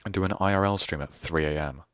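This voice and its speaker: It's the end of a stream, and a young guy with a low, slightly bright voice is talking fast. He rambles and mocks himself sarcastically into a close-placed mic, with no room sound.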